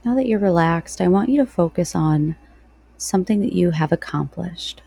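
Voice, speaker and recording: Soft, slow woman guiding meditation, dark voice. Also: fairly low pitch, animated, gravelly, slightly rough, no room sound. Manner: soft, slow, soothing delivery with long pauses. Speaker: podcast host. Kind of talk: guided breathing meditation.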